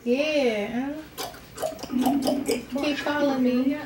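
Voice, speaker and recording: A young woman with a high voice trades defiant, sweary retorts at an unhurried pace. She sounds distant in an echoey room full of chatter. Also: steady tone. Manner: defiant, curt, swearing comebacks. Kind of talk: casual bickering. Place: small motel room.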